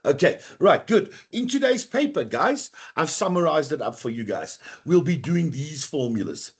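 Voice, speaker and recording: A man teaching an online exam-prep class over a computer mic, chatty, with a rough, coughing throat and a habit of saying "guys". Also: fairly high pitch, big pitch swings, normal speed. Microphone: computer mic on a video call.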